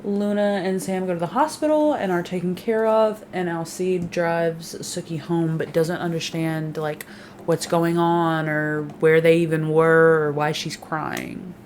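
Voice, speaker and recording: A woman's voice: on the low side, steady tone, unhurried, a little mellow, a little hiss or hum. Sarcastic, foul-mouthed woman recapping a show. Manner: sarcastic, swears a lot, mimics characters. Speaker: recap vlogger. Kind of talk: casual, profane TV recap.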